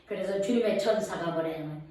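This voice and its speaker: A woman's voice: medium pitch, quick pace, mellow. A woman preaching a sermon, retelling a Bible story and often asking her listeners questions. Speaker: pastor. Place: church. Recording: echoey church hall, far from mic.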